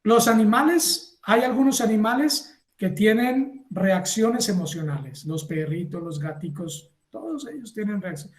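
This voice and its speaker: A man giving a university lecture, lively, acting out little scenes and asking the class if they follow. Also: high voice, unhurried, few pauses, reverberant. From Colombia. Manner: animated, acts out little scenes and asks the class for agreement.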